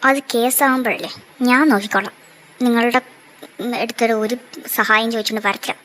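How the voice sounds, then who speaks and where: A woman voicing a sharp-tongued, scornful young wife in a fan audio drama, answering with cutting taunts. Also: on the high side, moderate pace, husky, low-quality recording. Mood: sneering.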